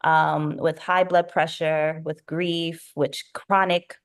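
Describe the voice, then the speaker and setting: A woman speaking up at a community meeting, soft-spoken and a little halting. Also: low voice, flat delivery. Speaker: community member.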